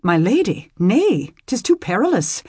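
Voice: medium pitch, big pitch swings, measured pace, a little mellow, slightly rough, no room sound, studio quality, voice pushed up. A narrator voicing an earnest, loyal teenage squire speaking in formal old speech. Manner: formal, dutiful.

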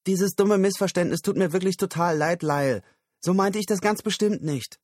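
A flustered young office woman gushes apologies in a raised, bright tone, as a male reader puts her on. The voice sits well above a man's usual range and comes across crisp and dry, like close-miked audiobook reading. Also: high-pitched, moderate pace, no echo, pitched above the performer's own voice. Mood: apologetic. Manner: gushing, apologetic.

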